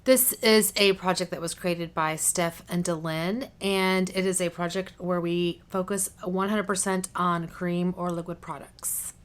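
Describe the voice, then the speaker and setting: This woman's voice is on the low side, with a steady tone and a measured pace that leaves hardly any pauses. A beauty vlogger, she talks casually and chattily to the camera, going off on tangents, while slightly stuffed up with a cough drop in her cheek.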